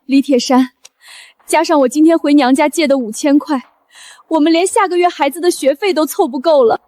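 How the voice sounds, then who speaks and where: A woman's voice: high-pitched, fairly quick, warm tone, dry recording, close to an everyday voice. A woman voicing an anxious farmer's wife who reproaches her husband. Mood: bitter. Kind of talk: drama voice acting.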